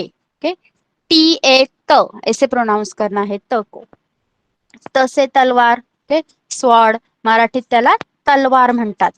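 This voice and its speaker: A woman teaching an online language class, patiently repeating each letter and checking that everyone understands. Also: a little high.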